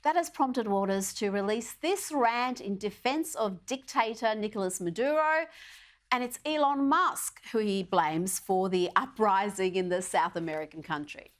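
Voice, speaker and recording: A woman hosts a TV news opinion segment. She delivers scripted commentary with open sarcasm and mockery, her voice sitting at an ordinary middle pitch. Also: normal speed. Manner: sarcastic, mocking. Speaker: TV news host.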